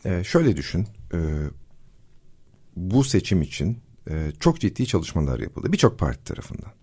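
A man living abroad who explains disinformation in a measured, casual discussion, often pausing with fillers. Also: low voice, sing-song, dark tone, husky. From Turkey.

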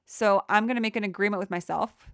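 A young woman talks through a reflective solo podcast in a soft, encouraging voice of middle pitch. She wanders and restarts, filling her talk with "like" and "you know." The sound is dry and close, with no room around it. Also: quick pace, no echo. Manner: gentle, encouraging, rambling with many fillers. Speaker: podcast host.

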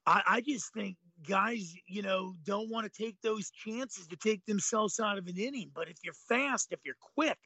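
A man's voice: sits high, moderate pace, few pauses, bright, forceful tone, breathy edge, dry recording. A man in his late fifties, co-hosting a casual sports talk show in a laid-back, chuckling way. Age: 50s. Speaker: co-host.

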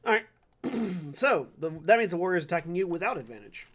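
A man's voice: sits high, sing-song, fairly quick, fairly bright tone, a little hiss or hum. A man acting as game master, casually narrating a tabletop game and ruling on turns.

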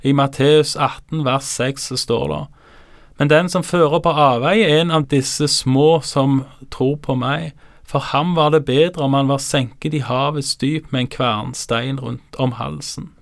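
A man acting as a Bible teacher, giving calm, explanatory commentary on scripture. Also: mid-range voice, gravelly, no room sound, studio quality.

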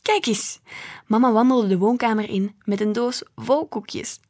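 Breathy woman reading a children's story. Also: fairly high pitch, fairly even intonation, normal speed, darkish tone. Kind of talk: reading a children's book aloud.

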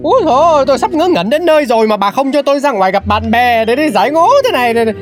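A woman's voice: sits high, lively intonation, racing, soft background music. A woman voicing a grumbling, stubborn middle-aged dad in a cartoon, complaining in an exasperated way. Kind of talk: cartoon voice acting.

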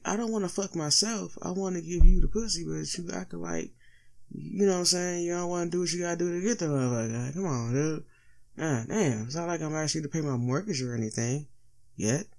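A man's voice: on the high side, vocal fry, a little mellow. A man hosting a casual solo podcast, sounding stoned and a little sluggish, talking in loose slang with heavy swearing. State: stoned, sluggish from being high. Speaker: podcast host.

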